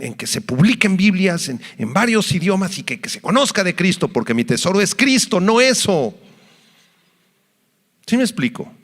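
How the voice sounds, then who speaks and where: An excited, newly rich churchgoer man rushes his words and trips over them, pitched up high, as a preacher acts him out. His gravelly edge carries through a long, ringing hall reverb. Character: wealthy male churchgoer, eager to serve.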